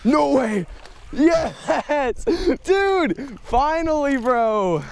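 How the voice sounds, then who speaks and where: A teenage boy from Texas vlogging a fishing trip, excitable and full of dude and bro, recorded outdoors by suburban ponds on an action camera. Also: very high voice, very slow, gravelly. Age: teens. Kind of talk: casual vlog. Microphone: handheld or body-mounted action camera.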